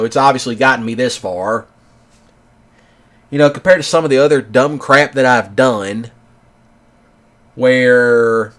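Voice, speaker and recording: Brief: male vlogger, 30s, mid-pitched, casual and rambling, leans on "you know" constantly. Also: a bit bright. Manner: rambling, filler-heavy with many "you know"s. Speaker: gaming channel host. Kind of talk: casual storytelling monologue.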